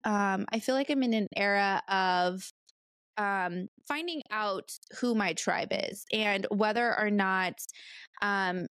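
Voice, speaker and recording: A woman's voice: medium pitch, slow, a bit bright, clear, resonant tone, no echo, studio quality. A woman in her late thirties from California, hosting her own podcast in a rambling, chatty way with plenty of fillers. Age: 30s. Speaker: podcast host. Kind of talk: casual solo podcast chat.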